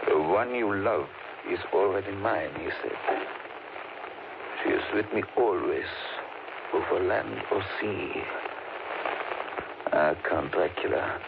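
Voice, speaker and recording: An actor playing a grave, urgent doctor who leads a vampire hunt, speaking emphatically and deliberately in 1930s radio drama style. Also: male voice, sits low, creaky, full character voice. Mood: brooding. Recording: scratchy, narrow, hissy 1930s radio recording.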